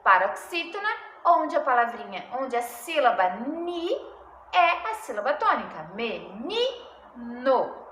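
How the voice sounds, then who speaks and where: A woman teacher reading a story and explaining a grammar lesson, talking slowly with many questions to her pupils. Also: high voice, sing-song, fairly bright tone. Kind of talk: recorded remote class lesson, story reading. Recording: echoey room with faint background noise.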